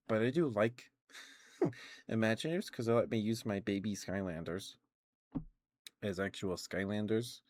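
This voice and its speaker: A young man doing soft-spoken, casual ASMR rambles in a giggly, halting way, close to the microphone. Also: fairly low pitch, dry recording. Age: young adult. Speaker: ASMR streamer.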